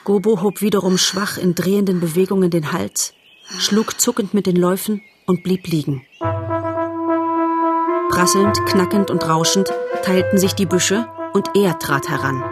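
A woman reading a storybook aloud as narrator, calm and measured. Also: fairly low pitch, over loud music. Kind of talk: audiobook narration.

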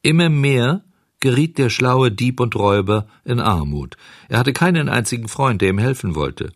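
Male audiobook narrator, expressive, dry close recording. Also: medium pitch, dry recording. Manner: measured, expressive storytelling. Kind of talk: audiobook reading of a children's story.

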